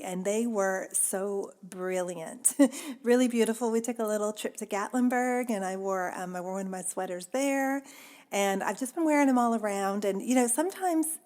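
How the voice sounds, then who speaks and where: A woman's voice: medium pitch, a little mellow. A woman hosting a podcast in a chatty, casual way, laughing often and using many fillers. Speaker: podcast host. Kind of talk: casual chat.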